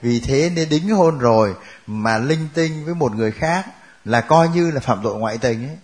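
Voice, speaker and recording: A man's voice: mid-range voice, expressive, normal speed, a little mellow. Joking man teaching Bible class. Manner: joking, laughs often with the class.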